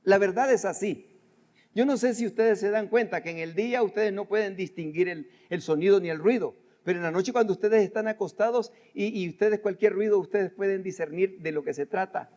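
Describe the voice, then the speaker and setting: A man's voice: high voice, a little fast, darkish tone, in a large hall. An older man preaching a sermon, talking to the congregation directly and often repeating his phrases. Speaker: pastor. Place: church sanctuary.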